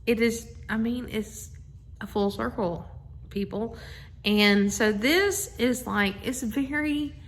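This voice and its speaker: A middle-aged woman speaks slowly, her voice on the high side, as she chats effusively into a handheld phone to host a family social media video. She rambles through asides while introducing a bedtime story reading.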